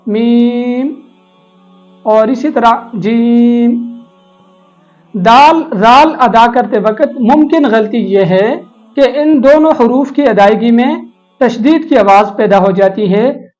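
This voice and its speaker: A man teaching Quran letter pronunciation in a measured, explanatory way, slowly drawing out sample letters. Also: very high voice, poor audio. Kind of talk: instructional lesson. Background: faint background music.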